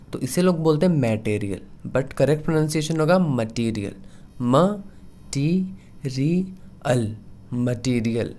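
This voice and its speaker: A man teaching English pronunciation in a tutorial, sounding out each word slowly syllable by syllable. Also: medium pitch, a little mellow. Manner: slow syllable-by-syllable drilling of words. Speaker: language teacher. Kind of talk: pronunciation lesson.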